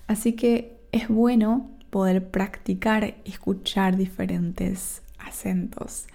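An Argentine Spanish teacher hosts a podcast for learners, speaking in a medium-pitched, gravelly, dark voice with fairly even intonation. She goes slowly and carefully, often checking in with "¿sí?".

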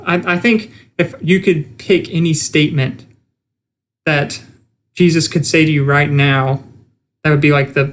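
A young man giving an informal Bible teaching, earnest and conversational, with frequent restarts. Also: on the high side. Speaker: preacher.

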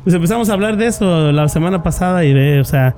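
A man's voice: a little high, lively intonation, quick pace, darkish tone, a little hiss or hum. A man with a Mexican accent telling a story in casual, slangy chat, full of restarts and filler slang. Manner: slangy, peppers speech with "güey", many restarts. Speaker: podcast co-host telling a story.

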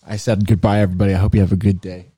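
A podcast co-host doing a flat mechanical robot voice to say goodbye to listeners. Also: male voice, deep voice, rapid-fire, natural voice. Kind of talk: casual podcast sign-off.

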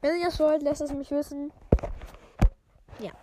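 A woman's voice: sits high, fairly even intonation, a little slow, background noise. A woman casually reading a book aloud for her viewers, often stumbling, correcting herself and chatting in between. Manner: stumbles and self-corrects, chatty asides to listeners. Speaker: reader of an audiobook for viewers.

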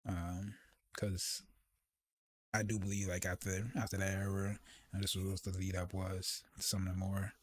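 A man co-hosting a podcast in casual chat, relaxed and rambling, laughing often. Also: low voice, normal speed. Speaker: podcast co-host.

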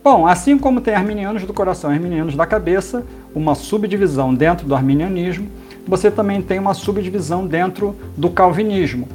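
Measured man explaining doctrine. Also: high voice, darkish tone, soft background music. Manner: explanatory, measured, with many fillers. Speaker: pastor. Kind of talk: teaching in a podcast conversation.

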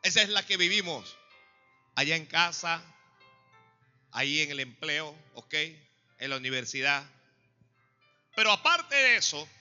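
A man preaching a sermon, calling on the congregation to answer back and rising to loud exhortations. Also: a little high. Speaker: pastor. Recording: dull lo-fi recording with faint music.

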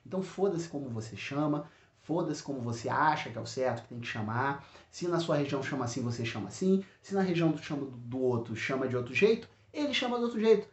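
A man from Rio de Janeiro with a Carioca accent, hosting a solo podcast of blunt, profane rants and often filling pauses with "é". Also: medium pitch, animated, reverberant. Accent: Carioca Brazilian Portuguese. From Rio de Janeiro, Brazil. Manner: blunt, profane, frequent filler "é". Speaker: podcast host. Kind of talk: solo complaint podcast rant.

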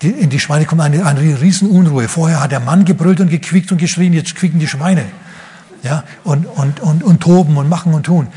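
Husky man, fairly high voice, sermon, acting out the story figures. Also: warm tone. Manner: acts out the figures in quick asides. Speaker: preacher. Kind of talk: lively sermon retelling a Bible story.

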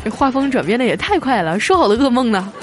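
A woman hosting a comedy show, reading out listener jokes in a lively storytelling way and chuckling through the punchlines. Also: on the high side, fast, over music. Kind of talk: comic storytelling.

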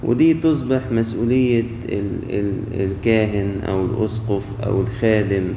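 A low, mellow-voiced man with an Egyptian accent preaches in a relaxed, storytelling way, often asking a question and then answering it. His voice rings through a large church with a long, echoey tail. Faint room ambience sits underneath. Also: moderate pace, slight background noise. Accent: Egyptian Arabic. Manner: storytelling, asks rhetorical questions and answers them. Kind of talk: conversational sermon. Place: large church during a service.

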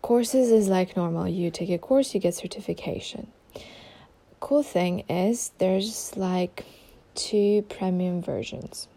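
A young adult woman whose first language isn't German hosts a casual solo podcast, rambling with many ums and restarts. She speaks slowly in a lowish, creaky, warm voice.

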